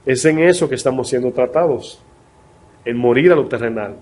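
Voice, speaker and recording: A male pastor preaching a sermon in a conversational way, asking his listeners rhetorical questions and reading scripture slowly and deliberately. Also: medium pitch, darkish tone.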